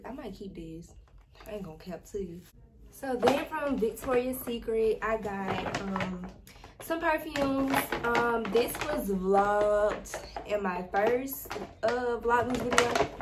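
A young woman chatting casually to her viewers, informal and easygoing, at a mid pitch. She talks into a camera set up across a small bedroom. The recording carries a steady, clearly audible noise underneath. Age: young adult. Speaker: vlogger. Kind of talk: casual haul vlog chat. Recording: noisy background hiss.

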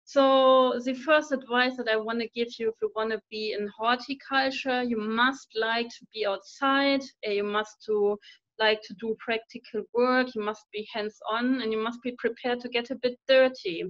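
Her voice is on the high side, fairly even in intonation and fairly bright, at a moderate pace, and the recording is dry. She's a university lecturer in her thirties with a German accent, earnestly answering interview questions with many fillers and restarts over a video call from home, via a laptop webcam mic yielding dull lo-fi call audio.

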